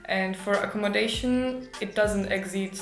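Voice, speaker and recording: A woman's voice: mid-range voice, steady tone, moderate pace. A young woman from Turkey with a Turkish accent, answering interview questions informatively as an international student. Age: young adult. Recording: roomy echo, music behind.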